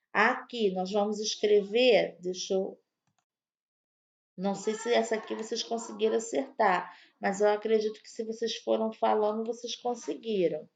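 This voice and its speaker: Patient woman teacher for small kids, a little high-pitched, dull lo-fi recording. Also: creaky. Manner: slow, patient, spells out words for young pupils. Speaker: primary school teacher. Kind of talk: online grammar lesson for children.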